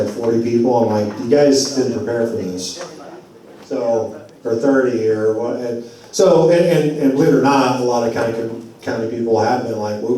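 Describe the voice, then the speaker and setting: Male speaker at a public meeting, mellow tone, casual and digressive, voice wearing thin, heard from afar in a very echoey room. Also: medium pitch. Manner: conversational, loose and digressive. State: losing his voice. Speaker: advocacy group speaker at a community forum. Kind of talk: public address at a community meeting. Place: church meeting hall. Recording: very echoey hall, voice far from mic.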